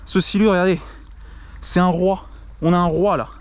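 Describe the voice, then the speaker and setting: Young man from France, excited self-filmed kayak commentary, higher voice, outdoor action-camera sound. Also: moderate pace. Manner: excitable, exclaims constantly, talks to the camera and the fish. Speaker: kayak angler filming himself.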